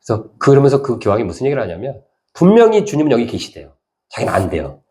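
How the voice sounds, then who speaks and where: A male pastor giving a conversational sermon, telling stories and now and then acting out voices in sudden high bursts. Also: wildly swooping pitch, fast, dark tone.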